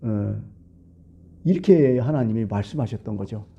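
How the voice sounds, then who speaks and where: A man preaches in a church, explaining scripture in plain, chatty words. His voice is very dark and husky. The recording sounds dull and lo-fi. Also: on the low side, moderate pace. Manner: conversational, explaining scripture in plain everyday talk. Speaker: pastor. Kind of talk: sermon.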